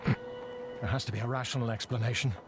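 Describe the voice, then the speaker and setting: A man's voice: medium pitch, steady tone, a little fast, natural voice. A man voicing a weary, stern male expedition commander in a game, firm and authoritative. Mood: commanding. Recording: game audio with clear music behind.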